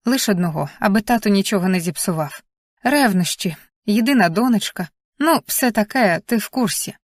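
A woman's voice: mid-range voice, animated, normal speed, dry recording, natural voice. A woman reading the part of a cheerful, secretive teenage girl who talks in a coy, chatty way, in a dry, close audiobook recording.

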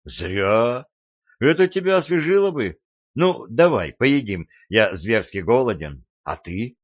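A man reading a smooth-talking young man who lies to win women over, eager and persuasive, in a storybook narration. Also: medium pitch, sing-song, takes it slowly, no echo, lo-fi sound.

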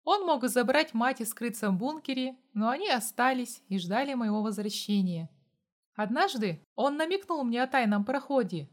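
A woman's voice: on the high side, animated, normal speed. Woman narrating a survival audiobook. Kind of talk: first-person audiobook narration.

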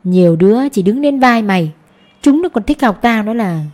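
A woman voicing a genial, talkative middle-aged male schoolteacher in a storybook reading, her own mellow voice pitched up a little. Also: expressive, normal speed, natural voice.

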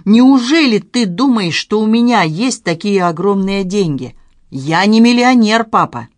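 An audiobook narrator voicing an angry, frightened grown son who shouts bitterly and pleads, in a dry recording. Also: medium pitch, lively intonation, unhurried, no echo, voice pushed up, lightly acted. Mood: desperate. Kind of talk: dramatized audiobook reading.

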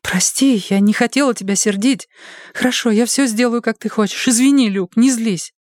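A man voices a frightened young wife, tearfully pleading, pitching his voice very high above his natural range. He speaks at a normal speed, and the recording is dry and clean, studio-quality.

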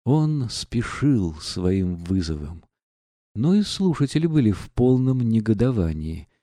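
A man narrating a classic novel in a measured, expressive reading. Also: mid-range voice, no room sound, clean studio sound. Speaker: audiobook narrator. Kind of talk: scripted literary narration.

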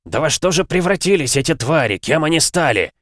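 A man's voice: fairly low pitch, brisk, a bit bright, no echo, studio quality, close to an everyday voice. A man voicing an agitated, blunt male coordinator in an audiobook.

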